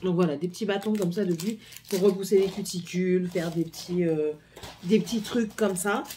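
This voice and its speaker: A woman's voice: on the low side, normal speed, dark tone, a little hiss or hum. A middle-aged woman with a French accent, chatting casually through a haul video with many hesitations and repeats. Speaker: vlogger.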